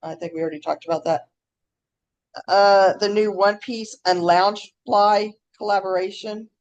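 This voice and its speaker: This woman co-hosts a casual podcast, chatting and reading news while getting easily sidetracked and scattered. Her mid-range voice is steady and a little mellow at a moderate pace, with w-like R sounds from trouble saying R's. The audio is dull.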